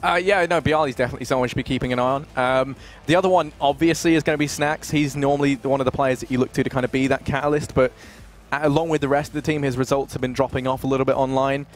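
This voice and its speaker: Quick-talking male esports analyst. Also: medium pitch, fairly even intonation. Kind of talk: casual broadcast analysis chat.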